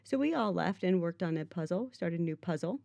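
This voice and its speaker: Female co-host, lowish and soft-edged, mellow tone, casual banter, dry close sound. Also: animated, brisk, vocal fry, no echo. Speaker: podcast co-host. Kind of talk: casual banter and sharing facts.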